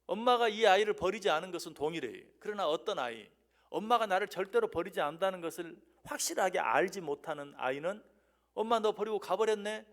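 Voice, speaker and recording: Earnest man preaching, somewhat high voice. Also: animated, quick pace. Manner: swings from soft to loud, earnest preaching. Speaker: pastor. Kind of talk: sermon.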